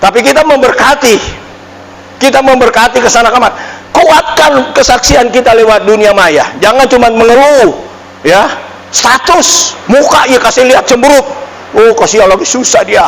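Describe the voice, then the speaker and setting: A pastor preaching a sermon with an Indonesian accent, emphatic, swinging from loud outbursts to low murmurs. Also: male voice, normal speed, gravelly, a little hiss or hum. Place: church hall. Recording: church hall reverb, faint ambience.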